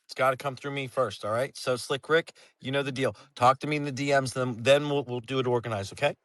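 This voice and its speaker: A man's voice: mid-range voice, fairly even intonation, fairly quick, fairly bright tone, no echo. Casting note: laid-back but firm moderator guy, dry close sound. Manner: casual, firm, organizing. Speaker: host, moderator. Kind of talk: moderating a live audio room.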